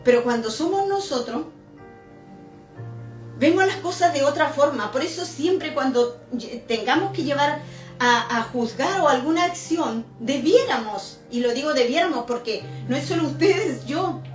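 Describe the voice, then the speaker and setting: Woman preacher, high voice, earnest storyteller, soft music under a roomy church sound. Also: expressive, unhurried, distant mic. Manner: earnest storytelling with rhetorical questions to the congregation. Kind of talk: sermon. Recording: echoey church room with faint music.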